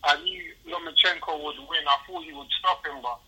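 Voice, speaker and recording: A man's voice: a little high, fairly quick, sharp tone, slight background noise, low-quality recording. A young man calling in over the phone, a boxer chatting casually and repeating his phrases.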